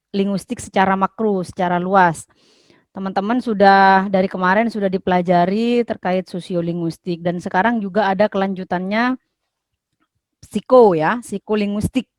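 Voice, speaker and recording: A woman's voice: mid-range voice, a little mellow, no room sound. A woman from Indonesia giving a university lecture, explaining patiently with frequent fillers and restarts.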